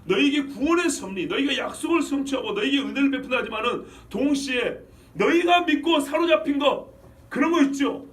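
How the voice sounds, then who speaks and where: Guy pastor preaching, really high voice, sounds kinda far off from the mic, gets loud then drops low. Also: expressive, fairly quick. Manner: emphatic, rhetorical questions, swings between loud outbursts and low asides. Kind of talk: sermon. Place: church sanctuary.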